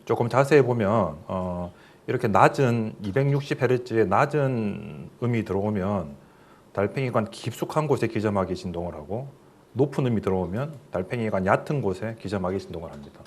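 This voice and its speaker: A man's voice: lowish voice, animated, fairly quick, breathy edge. A middle-aged man, a professor, giving a recorded lecture in a plain explanatory way, with fillers and questions to the listeners.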